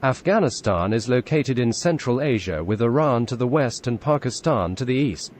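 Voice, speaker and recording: A synthetic male text-to-speech voice with a British accent, reading text aloud in an even, measured way. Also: mid-range voice, a little hiss or hum. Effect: synthetic text-to-speech computer voice.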